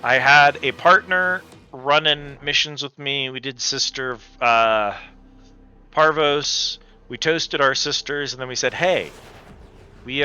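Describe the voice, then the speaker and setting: The recording is muffled, carrying a medium-pitched, sharp but clean voice of a livestream host who chats effusively and casually with viewers mid-game. Video game music sits in the background.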